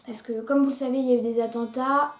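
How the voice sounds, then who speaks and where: Chatty teenage girl, high voice, echoey room. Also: fairly even intonation, fast. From France. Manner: chatty, hesitant, lots of fillers. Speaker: YouTuber. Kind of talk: casual vlog chat.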